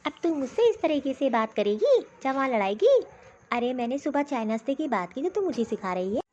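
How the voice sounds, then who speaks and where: A woman's voice: high-pitched, sing-song, brisk, a little mellow, muffled recording. A woman voicing a bossy, taunting middle-aged mother-in-law in a cartoon story. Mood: scolding. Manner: scolding, taunting.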